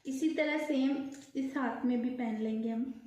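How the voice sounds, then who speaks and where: A high-pitched woman walks viewers through each piece step by step, unhurried and patient in her pacing. Her voice is mellow and soft-edged, and it rings a little in an echoey room at home. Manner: slow step-by-step explaining. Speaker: vlogger.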